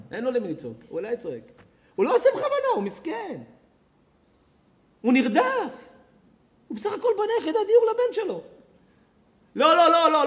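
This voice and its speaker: A rabbi giving a Torah lecture, acting out characters in dialogue and laughing often. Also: male voice, extremely high pitch, fairly bright tone. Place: community evening lecture.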